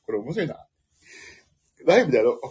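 A man's voice: mid-range voice, very animated, fast, a little mellow, husky. A man hosting a casual solo talk show, rambling from one thought to the next and laughing at his own jokes. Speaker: podcast host.

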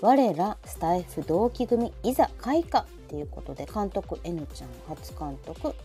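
Soft background music accompanies this very animated woman, whose pitch is fairly low and speed normal. Speaking with a Kansai Japanese accent, she hosts a live audio show in a casual chat, frequently asking questions and reacting.

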